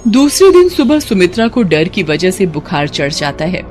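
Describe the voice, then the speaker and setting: A woman narrating a cartoon story in a steady, plain voice. Her pitch sits mid-range, with faint music behind. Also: normal speed.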